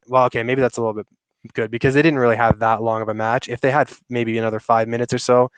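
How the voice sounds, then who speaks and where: A man's voice: mid-range voice, smooth, no room sound. A man co-hosting a casual podcast, gushing with enthusiasm. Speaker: podcast co-host. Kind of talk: casual chat.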